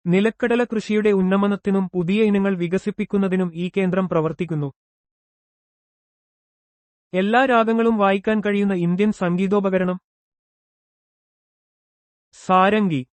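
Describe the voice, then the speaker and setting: A man reading exam prep questions, each followed by its answer and a short explanation, in a steady recited pattern. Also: high-pitched, dry recording. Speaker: exam coach.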